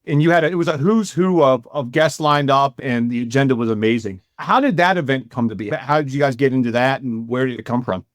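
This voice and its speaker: A man hosting a business podcast, asking a guest quick, upbeat questions. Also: medium pitch, no echo, clean studio sound. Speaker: podcast host. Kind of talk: conversational interview.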